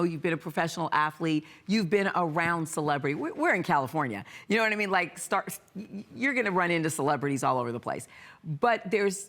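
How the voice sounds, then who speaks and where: A woman hosting an interview, musing aloud and searching for words as she asks questions. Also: low-pitched. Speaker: host. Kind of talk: conversational interview.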